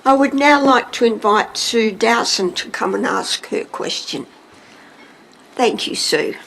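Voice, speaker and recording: A woman mayor chairing a council meeting in a measured, formal manner. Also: fairly high pitch, vocal fry, a bit bright. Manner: measured, formal procedural delivery. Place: council chamber. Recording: echoey chamber, faint room hiss.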